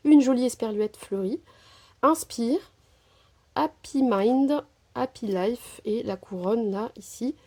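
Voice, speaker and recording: Woman, casual haul vlogger, soft dark tone, rambling and filler-heavy, phone-recorded. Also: on the high side, takes it slowly. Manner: chatty, filler-heavy, keeps saying "voilà". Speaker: crafting vlogger. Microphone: phone camera.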